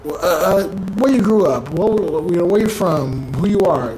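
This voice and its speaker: A man's voice: high-pitched, animated, moderate pace, darkish tone, rough recording. Male podcast host, loose and rambling, faint room hum behind. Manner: rambling, filler-heavy, playful. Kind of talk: casual interview chat. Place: rental apartment.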